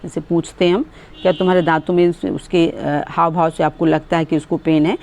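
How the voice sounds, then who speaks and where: Woman English tutor, low warm tone, patient explainer, drills English sentences at a slow, careful pace. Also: little pitch movement, slight background noise. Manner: says English sentences very slowly and clearly; explains in Hindi with fillers. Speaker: English teacher. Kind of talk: Hindi English lesson.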